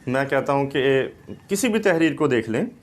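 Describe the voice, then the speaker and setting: A man giving a recorded lecture, explaining slowly and deliberately and telling a small anecdote to make his point. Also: mid-range voice, lively intonation. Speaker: teacher.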